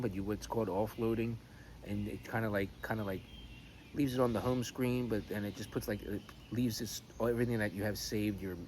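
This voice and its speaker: A man chatting casually in a rambling, halting way with mild swearing, as a vlogger recording on his phone. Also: on the low side, a little mellow. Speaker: pipe-smoking vlogger. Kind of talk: rambling casual chat vlog. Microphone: phone camera. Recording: noisy phone recording with clear background noise.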